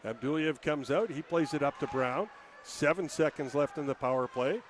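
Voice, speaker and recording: Fast-calling hockey play-by-play man. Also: on the high side, slight background noise. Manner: rapid, running call that rises to shouts on scoring chances. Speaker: play-by-play announcer.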